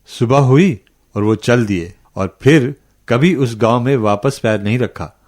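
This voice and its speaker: An actor playing a kindly old grandfather who tells children a spooky story in a radio lesson, in a slow, dramatic manner. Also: medium pitch, darkish tone, lightly acted.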